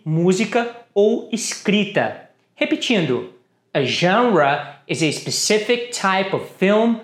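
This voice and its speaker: Slow, lively-voiced woman teaching pronunciation. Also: mid-range voice, echoey room. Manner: slow, deliberate model sentences repeated twice. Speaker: English teacher. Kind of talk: pronunciation lesson.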